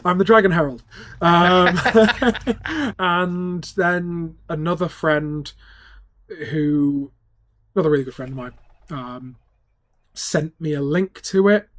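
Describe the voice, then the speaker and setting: A man's voice: a little high, takes it slowly, long pauses, fairly bright tone, no echo. A man talking casually and jokily as a guest in an interview. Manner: jokey, given to laughter. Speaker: town crier, interview guest.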